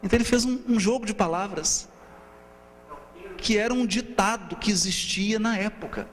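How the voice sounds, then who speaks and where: A high-voiced man with a Brazilian Portuguese accent gives a seminar lecture at normal speed, counting out rhythms. He's animated, poses rhetorical questions, and often tacks on "né?". The recording has hall reverb and a faint hum.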